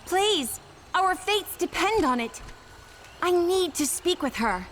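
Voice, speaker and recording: Woman as a high-voiced, earnest little heroine. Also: expressive, takes it slowly, a bit bright, slight background noise, exaggerated voice. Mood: pleading. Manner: earnest, pleading. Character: small, earnest young heroine champion pleading for help. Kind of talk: scripted audio storybook acting.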